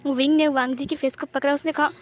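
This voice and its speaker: High-voiced woman narrating a story. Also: fast talker, faint music behind. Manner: steady, plain storytelling. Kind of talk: Hindi fan-fiction narration.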